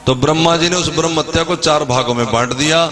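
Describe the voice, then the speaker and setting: Male preacher, devotional sermon, rather high voice, lively storytelling, asks the crowd questions, music playing underneath. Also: quick pace. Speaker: preacher telling scripture stories. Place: religious gathering before an audience.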